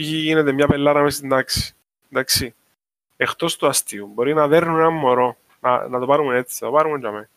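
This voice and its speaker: A man's voice sits on the high side, a bit bright with no echo. He's from Cyprus and has a Cypriot Greek accent, chatting informally about social issues and using examples to explain what he means.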